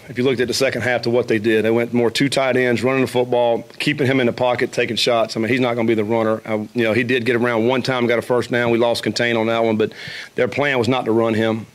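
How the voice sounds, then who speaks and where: Fast-talking middle-aged coach, flat delivery. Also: male voice, mid-range voice. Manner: fast, even-toned, frequent restarts and fillers. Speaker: head football coach. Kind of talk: post-game press conference. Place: press conference room with a logo backdrop. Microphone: table microphone.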